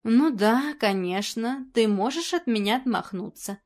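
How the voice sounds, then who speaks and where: A composed woman sleuth who keeps her voice low and her words firm, as a woman reads her in a storybook. She sounds steady and in control. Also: measured pace. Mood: pressing.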